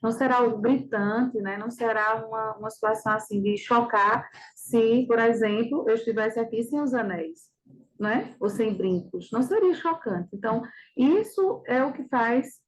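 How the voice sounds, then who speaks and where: A woman's voice: a little high, moderate pace, rough recording. A woman teacher going over a practice exam, explaining grammar in a didactic way and often checking that students follow. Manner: didactic, with frequent checking questions. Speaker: Portuguese teacher.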